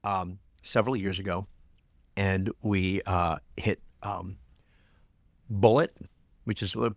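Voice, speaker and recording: Rambling man co-host, lowish voice. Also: fairly even intonation, slow, dry recording, clean studio sound. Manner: rambling, restarts often. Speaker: podcast co-host. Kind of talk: casual chat, taste-testing drinks.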